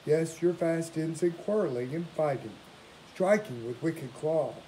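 An older man in the role of priest delivers liturgy with solemn, measured formality. His voice sits a little high for a man. A faint hiss runs behind his prayers and readings in a home recording. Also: mellow, low-quality recording. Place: small domestic room indoors.

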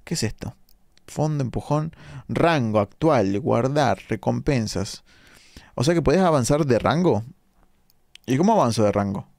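Mid-range and expressive, with vocal fry and a slightly mellow quality, this young Argentine man's voice comes through a dry, studio-quality recording. He's a gamer streaming late at night in a Rioplatense accent, chatting, reading comments out loud and making quick asides.

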